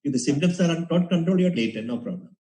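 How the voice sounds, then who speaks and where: A male doctor on a panel, speaking haltingly and repeating himself while his video call audio breaks up and freezes. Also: on the high side, lively intonation, mellow. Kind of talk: panel discussion. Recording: echoey, distant video call line.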